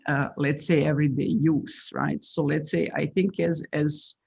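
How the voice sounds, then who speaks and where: A woman's voice: low-pitched, little pitch movement, normal speed, gravelly, a little mellow, slightly rough. A woman, an architect speaking hesitantly on a video call, with many fillers and restarts. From Serbia. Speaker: architect guest. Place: small room indoors. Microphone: laptop on video call. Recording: muffled video call audio.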